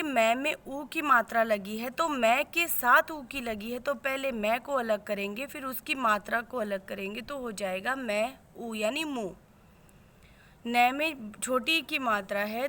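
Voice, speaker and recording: A woman teacher giving a lesson, explaining slowly and patiently, step by step. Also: on the high side, bright, forceful tone. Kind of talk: classroom lesson on word spelling.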